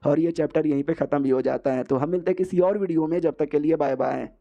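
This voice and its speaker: A man's voice: a little high, fairly even intonation, fast talker, creaky, dark tone, lo-fi sound. Slangy male anime recap narrator. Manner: slangy, crude, storytelling. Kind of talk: casual anime story recap.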